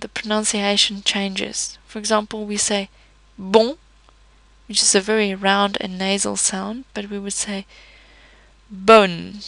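A woman with a mid-range, creaky, fairly bright voice teaches pronunciation, patiently going through each letter with example words. She's a language teacher delivering a slow, careful lesson. The recording is rough, though there's no echo.

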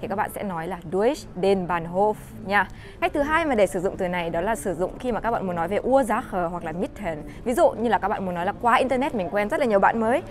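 Young vietnamese woman, casual german lesson vlog, talks right to viewers, slows way down on examples, bit of faint noise behind. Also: mid-range voice. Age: young adult. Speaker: German language teacher.

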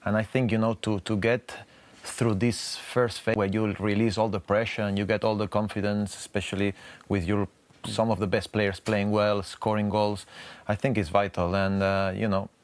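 Man in his 30s, low voice, halting thoughtful pundit talk. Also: flat delivery. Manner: thoughtful, hesitant, many "you know" fillers. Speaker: football pundit. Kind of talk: post-match analysis. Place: TV studio.

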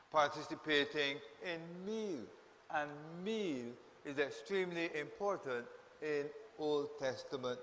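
A man preaching a funeral sermon in a slow, deliberate way, repeating key phrases. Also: medium pitch, a bit bright. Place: church. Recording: long reverb from a large hall.

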